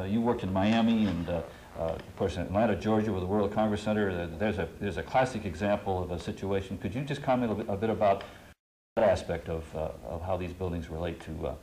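Deep-voiced halting male panel moderator. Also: mellow. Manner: halting, many fillers, leading questions. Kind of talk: panel discussion. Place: TV studio.

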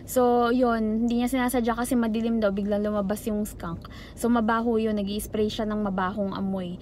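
A woman's voice: mid-range voice, level tone, normal speed, a little mellow, slight background noise. A woman, a mother vlogging casually at home, chatting while mixing Tagalog and English. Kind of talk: casual vlog.

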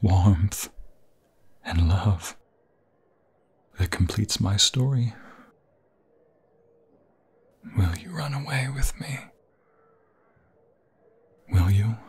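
In a heavily acted, animated performance, a man with a lowish, darkish voice plays a lovestruck vampire fiancé pleading in intimate romantic ASMR. His breathy, husky lines often fall into whispers and come out haltingly with emotion.

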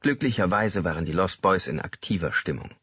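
A man narrating a thriller audiobook in an expressive reading. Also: low voice, brisk, slightly rough, no room sound. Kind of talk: scripted narration.

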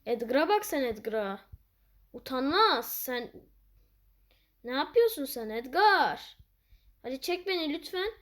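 High-pitched, excitable woman game commentator. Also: a little slow, long pauses. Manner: excitable, playful, swings to loud outbursts. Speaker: gaming channel host. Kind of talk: gameplay commentary.

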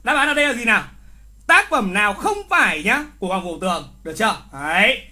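This high-pitched, fast-talking man teaches literature in a live online exam review session. He teases his audience energetically, repeats important words, and reacts to wrong answers with scolding exclamations.

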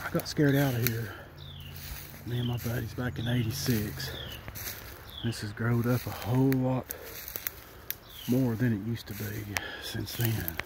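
An older man, a little out of breath, telling a rambling folksy story while hiking through the woods. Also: medium pitch. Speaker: outdoor storytelling vlogger. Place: outdoors in woods by water. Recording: noisy outdoor ambience.

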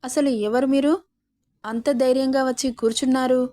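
A woman's voice: sits high, little pitch movement, a little fast, warm tone, lightly acted. A woman voicing a puzzled young groom in a storybook reading, pressing others with questions. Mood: questioning.

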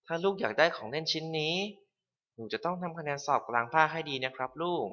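A man narrating a scripted English lesson for parents, polite and clear, reading the English phrases slowly. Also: a little high, animated, sharp tone.

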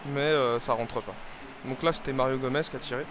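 A young man commenting casually on his own football video game, rambling and hesitant with many fillers and restarts, breaking into excited shouts at the game. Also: mid-range voice, fairly quick, noisy background. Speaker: gaming video creator.

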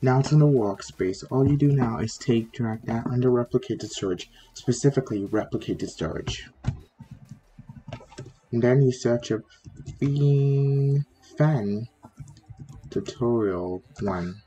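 Speaking at medium pitch and a slow pace, a man hosts a casual coding tutorial while sick with a sore throat, his mellow voice carrying a slight hiss or hum. He walks through things step by step in a chatty way, often saying "like."

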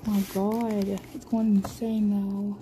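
Filming a storm on her handheld phone, this amateur videographer sounds frightened and shaky, her breathless commentary full of excited exclamations. Her medium-pitched voice stays level and mellow, and she takes it slowly. Storm sounds fill the noisy amateur phone audio.

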